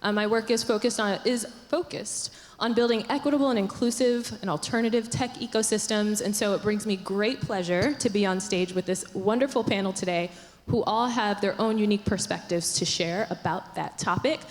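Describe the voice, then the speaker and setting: A woman's voice: mid-range voice, normal speed, a little hiss or hum. Woman moderating a conference panel. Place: conference stage. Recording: reverberant conference hall.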